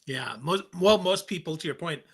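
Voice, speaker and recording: A man's voice: on the high side, normal speed, fairly bright tone, slightly rough. A man hosting a podcast interview, summing up his guest's points and asking follow-up questions. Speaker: podcast host. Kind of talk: interview host.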